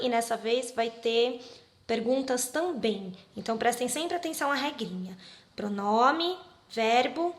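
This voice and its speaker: Brazilian lady teaching english, slow and patient, bright voice in an echoey room. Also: a little high. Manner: slow, patient, explains step by step with frequent check-ins. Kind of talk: classroom grammar lesson.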